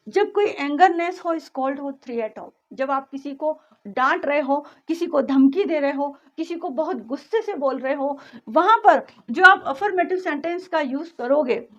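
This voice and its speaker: A woman teaching a grammar lesson, explaining patiently and reading each example sentence slowly, then repeating it. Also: high voice, highs cut off.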